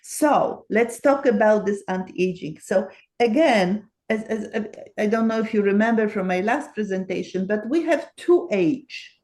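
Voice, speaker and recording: With a darkish, medium-pitched voice and lively intonation, this woman in her seventies talks a little slowly with few pauses. She is a guest researcher in a casual interview, earnest in manner, repeating words to stress them and phrasing things like a non-native speaker.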